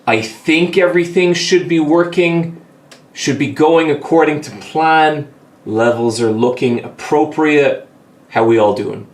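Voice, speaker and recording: A man's voice: a little high, unhurried. A man streaming games in casual chat, his voice carrying a strong echo from the wrong mic being on. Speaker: game streamer.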